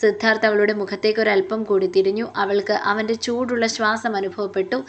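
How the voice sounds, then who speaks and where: A woman narrating a romance audiobook in a steady, expressive reading. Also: mid-range voice, fairly quick, dull audio. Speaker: storyteller. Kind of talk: scripted story narration.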